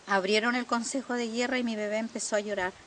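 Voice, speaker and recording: Older chilean woman telling her story for a documentary, hesitant, repeats herself, slightly high voice. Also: steady tone, fairly bright tone, slight background noise. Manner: halting, earnest recounting with pauses and repetitions. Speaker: survivor giving testimony. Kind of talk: documentary testimony.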